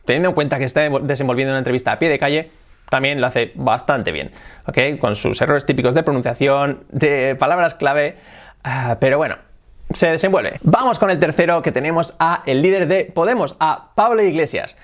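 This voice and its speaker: A man teaching English pronunciation in a casual video lesson, slowly drawing out example phrases and checking in often. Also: on the high side. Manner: slow drawn-out demonstrations of phrases, frequent "¿ok?".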